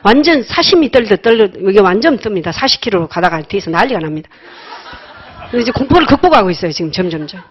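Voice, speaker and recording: Fast, lively woman telling a story. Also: mid-range voice, slightly rough. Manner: lively storyteller, acts out dialogue, laughs often. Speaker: speaker at a sales meeting. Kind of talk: personal success story talk. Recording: dull lo-fi audio.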